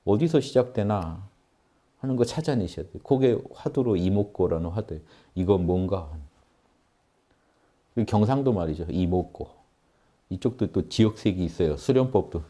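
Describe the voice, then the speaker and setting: Low, dark-voiced man giving a spiritual lecture. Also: expressive, moderate pace. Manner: earnest, explanatory, addresses audience directly. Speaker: meditation teacher.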